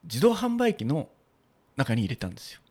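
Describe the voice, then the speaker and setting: A man's voice: medium pitch, sing-song, a little fast, a little mellow, breathy edge. A man hosting a radio talk show, telling a rambling story in casual chat and laughing often.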